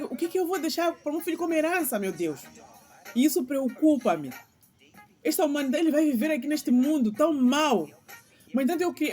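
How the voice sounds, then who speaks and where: A woman's voice: high-pitched, darkish tone. Middle-aged woman with a slight lisp. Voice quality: slight lisp, tongue-tied speech. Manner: earnest, preaching, rhetorical questions. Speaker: channel host. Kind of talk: spiritual commentary vlog, speaking off the cuff.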